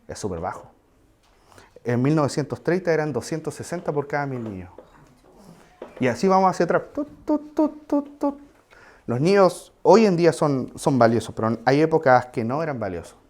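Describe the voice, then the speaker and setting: A man's voice: fairly high pitch, sing-song, fairly quick, darkish tone. A man preaching a sermon in a conversational way, with asides and questions to the congregation.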